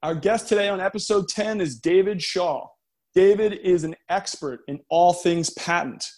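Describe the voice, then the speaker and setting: A man hosting a podcast, reading a formal guest introduction in a measured way, then leading the interview. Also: high voice, darkish tone. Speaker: podcast host.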